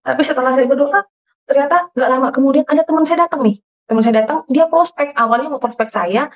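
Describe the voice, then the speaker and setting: A woman's voice: high voice, fast talker. A middle-aged woman from Madura giving an emotional personal faith testimony, often calling her listeners "saudara". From Madura, Indonesia. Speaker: testimony speaker. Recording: dull lo-fi recording.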